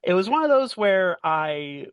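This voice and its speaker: In a dry, studio-quality recording, a male game master casually narrates a tabletop session, pausing and choosing his words deliberately. His high-set voice has a clean tone and a sing-song lilt.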